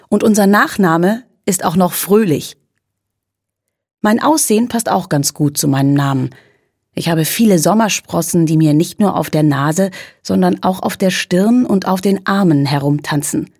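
A woman reading a children's story aloud in a child's first person, in a lively, playful way. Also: fairly low pitch, husky, no echo, studio quality. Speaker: audiobook narrator.

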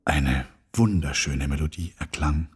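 A man reading a children's story aloud in an expressive storyteller's manner. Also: a bass voice, a little slow, slight background noise.

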